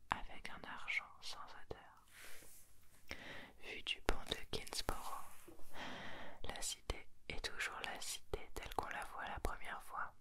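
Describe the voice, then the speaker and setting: A person whispering a novel aloud as an ASMR reader, close and breathy, in a deliberate storytelling manner. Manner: slow, deliberate literary storytelling. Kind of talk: whispered audiobook reading.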